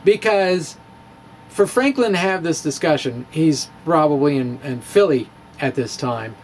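A middle-aged man reads his physics blog aloud with flair and informal storytelling digressions, his fairly high voice animated yet unhurried. A handheld-style mic on a stand sits close in front of him in a small bookshelf room, and room noise comes through clearly.

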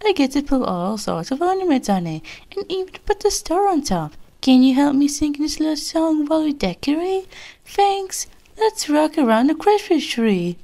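A woman voicing a cheerful young female Christmas bear in a high-pitched, sweet, encouraging voice, as if speaking to small children. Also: very animated, normal speed, gravelly, warm tone, exaggerated voice. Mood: cheerful, inviting. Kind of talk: children's character voice lines.

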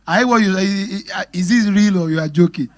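A man's voice: high voice, moderate pace, lightly acted. A man quoting his doubting older mother, who asks in disbelief whether he is joking. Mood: incredulous. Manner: incredulous, questioning.

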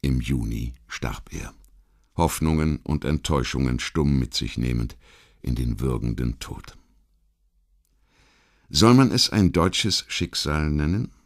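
With a very low-pitched, expressive voice, a man reads a documentary audiobook from a script. His manner is measured and formal, like a thoughtful essay read aloud.

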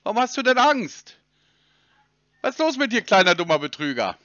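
A man's voice: sits high, very animated, normal speed, fairly bright tone, dry recording. A man on a prank phone call, mocking and taunting a scam caller and laughing at him. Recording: dull phone-call audio.

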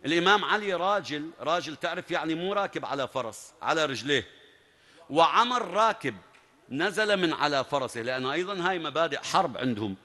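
Male preacher, bright and forceful, dramatic sermon storytelling, echoing hall. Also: a little high, expressive, fast. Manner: dramatic, emphatic narration with rising bursts. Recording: long reverb at a large venue.

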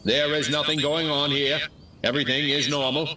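An actor playing an alien disguised as a human mayor, giving stiff, mechanical announcements while pretending to be human. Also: male voice, a little high, moderate pace. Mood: stiffly reassuring. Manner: stiff, flat, mechanical pronouncements. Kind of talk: video game cutscene acting. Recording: distant voice with clear background noise.

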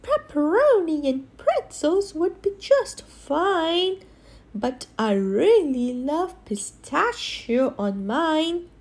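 A polite, eager storybook squirrel played by a woman speaks high and very slowly. The intonation moves a lot, in the deliberate way of reading to a toddler. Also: big pitch swings, heavily acted. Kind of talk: picture-book character read to a toddler.

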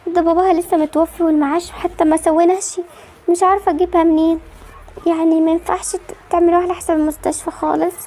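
A woman's voice: very high-pitched, little pitch movement, very fast, warm tone. Woman playing an anxious Egyptian mother. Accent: Egyptian Arabic. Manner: anxious, pleading. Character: worried mother, anxious and pleading.

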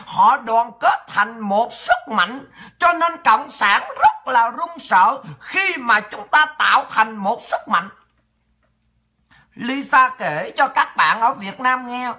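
A woman host speaks with fiery emphasis, hammering each point hard. Her voice is bright, forceful and a little high. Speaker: online commentator. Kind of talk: political commentary.

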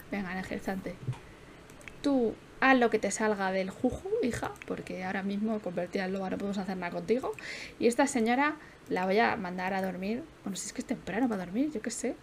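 A young woman chats through her life-sim game stream in a brisk, mid-pitched voice, sounding a little tired. She laughs easily and tosses out casual swears, with faint background noise beneath her.

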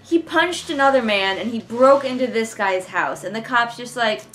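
A young woman with a fairly high, slightly bright voice speaks at normal speed, with a little hiss or hum in the audio. A book reviewer reading along from her living room couch, she gives casual, sarcastic, exasperated commentary, recorded by a camera a short distance away.

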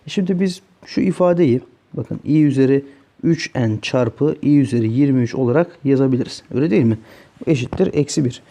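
A man's voice: medium pitch, brisk, mellow. A man teaching math, working through exam problems step by step and often checking in with the students. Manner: talks through each step, asking "öyle değil mi arkadaşlar". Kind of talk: solving exam questions on a board.

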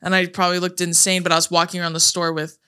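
A woman's voice: on the low side, flat delivery, racing, bright, forceful tone, clear, resonant tone. A young woman co-hosting a podcast, telling stories in a blunt, casual way with plenty of swearing. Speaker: podcast co-host. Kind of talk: casual chat.

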